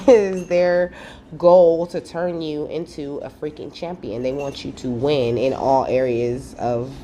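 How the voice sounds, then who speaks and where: A woman's voice: a bass voice, warm tone, slight background noise. A woman giving a casual spiritual card reading, talking loosely, swearing freely and tagging on "okay" again and again.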